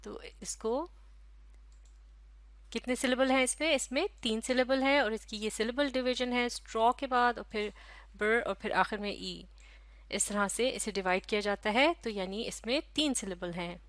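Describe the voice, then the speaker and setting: A woman teaching a recorded lesson in a patient, unhurried way. She sounds out each word slowly and says it again. Her voice sits a little high and the sound is close and dry, with no room echo. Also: fairly bright tone. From Pakistan. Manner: slow, patient, spells out syllables and repeats words.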